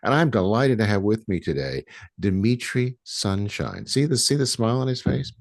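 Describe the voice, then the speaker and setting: A man's voice: on the low side, expressive, moderate pace, vocal fry, no room sound, clean studio sound. A man hosting a podcast interview, chatty and rambling, restarting his sentences often. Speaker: podcast host. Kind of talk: casual interview.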